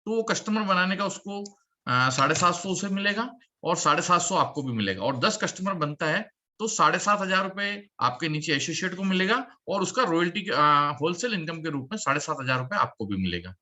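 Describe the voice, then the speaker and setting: Upbeat bright-voiced male presenter. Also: animated, brisk. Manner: upbeat salesman's pitch with emphatic repetition. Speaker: presenter at a business opportunity meeting. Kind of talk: presentation to an audience, calling slides and applause.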